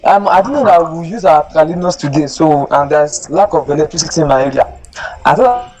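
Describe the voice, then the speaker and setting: A man's voice: a little high, lively intonation, brisk, a little mellow, poor audio. A man, a student on an online class call, explaining in a hurry while his audio is glitchy and breaking up. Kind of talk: casual chat.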